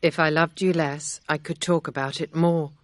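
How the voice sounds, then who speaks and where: A woman reading aloud, voicing a kind, sincere gentleman in a low, measured tone. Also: fairly even intonation, dry recording, close to an everyday voice.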